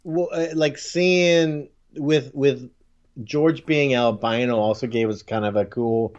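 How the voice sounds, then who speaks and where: A man's voice: mid-range voice, slow pace. Guy rambling on a podcast, tons of "like" and restarts, kinda muffled audio. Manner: rambling, animated, many fillers and restarts. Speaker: podcast co-host. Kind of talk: casual chat.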